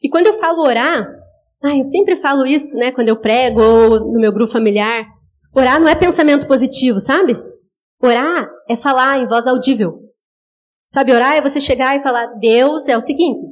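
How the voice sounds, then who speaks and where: High-voiced woman preaching earnestly. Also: normal speed. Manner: earnest, direct address with rhetorical questions; acts out listeners' words in quoted asides. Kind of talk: sermon.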